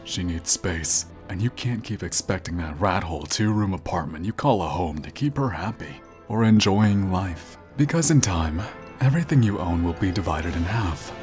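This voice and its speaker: A man voicing a haughty, foul-mouthed young woman who rants deadpan in a comedic anime fan dub. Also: sits low, normal speed, music in the background. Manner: deadpan ranting, crude swearing.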